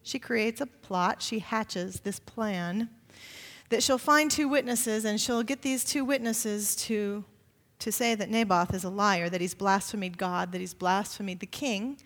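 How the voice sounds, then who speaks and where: A woman pastor preaching a sermon, retelling a scripture story with animated emphasis. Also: a little slow. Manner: expressive storytelling, rising pitch for emphasis. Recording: long reverb of a large hall.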